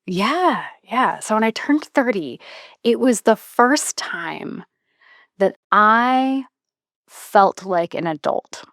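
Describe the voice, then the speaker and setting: A woman in her thirties hosts a podcast, her voice slightly high with lively intonation, a slow pace, and a fairly bright tone. The recording is clean studio sound with no room noise. She chats reflectively in a casual podcast conversation, often trailing off and starting over.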